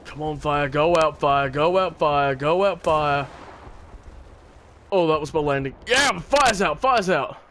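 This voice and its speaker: This is a male game streamer chatting casually over his match. His pitch jumps around in a lively, animated way and sits slightly high. He rambles, repeats his words and laughs often. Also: unhurried, a little hiss or hum. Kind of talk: casual gameplay commentary.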